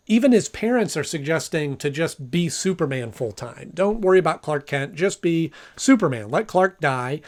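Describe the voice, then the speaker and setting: A man with a slightly high voice talks through a review in an informal way. He recaps and comments like someone chatting casually.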